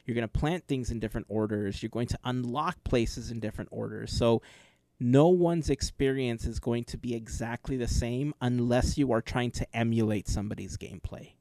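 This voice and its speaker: A man's voice: medium pitch, normal speed, darkish tone, dry recording. A man co-hosting a casual podcast chat, explaining his gaming experience earnestly and at length. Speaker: podcast co-host and gameplay video creator.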